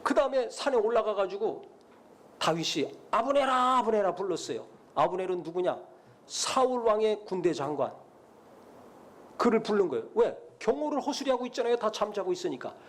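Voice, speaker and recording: High-voiced Korean pastor preaching emphatically. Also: male voice, very animated, normal speed. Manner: dramatic retelling, acts out biblical dialogue; rising to emphatic blessings. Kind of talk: sermon.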